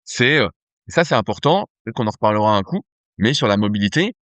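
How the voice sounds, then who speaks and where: A man's voice: fairly low pitch, animated, quick pace, fairly bright tone, no echo. A man explaining strength training on a podcast in a conversational way, with fillers and restarts. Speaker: podcast host, nutrition company cofounder.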